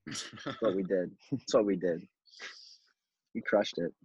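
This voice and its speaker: A man's voice: deep voice, steady tone, a little slow, mellow, slightly rough, no echo. A man in casual podcast chat who jokes and laughs as he talks, using a lot of slang. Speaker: guest, former soccer player. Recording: dull lo-fi recording.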